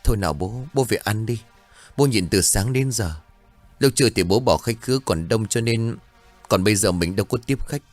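A man voicing a caring young daughter who gently pleads with her father to eat. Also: fairly low pitch, a little fast, dry recording, faint music behind, close to an everyday voice. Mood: coaxing. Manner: coaxing, pleading.

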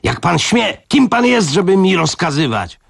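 A man reading the part of an angry, domineering woman who runs a girls' home, speaking in a raised, rapid voice. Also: fairly low pitch, very animated, pitched above the performer's own voice. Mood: furious. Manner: shouting, indignant, rapid.

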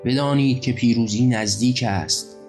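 A man narrating an audiobook, voicing a young male leader who preaches holy war to his followers in slow, solemn, commanding oratory. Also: mid-range voice, darkish tone, soft background music, close to an everyday voice. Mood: exhorting.

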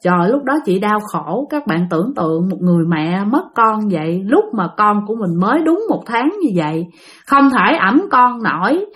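A woman's voice: medium pitch, moderate pace. A woman telling a spooky real-life story and talking straight to her listeners. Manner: animated, talks straight to listeners.

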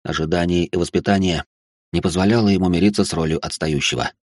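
A man's voice: low voice, fast talker, darkish tone, no room sound. A man narrating an audiobook in a casual, slangy storytelling manner.

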